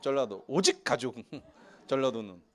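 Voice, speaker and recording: A man's voice: mid-range voice, measured pace. A male pastor from Seoul preaching a sermon in a church and joking with the congregation. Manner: joking with the congregation, lively asides. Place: church sanctuary.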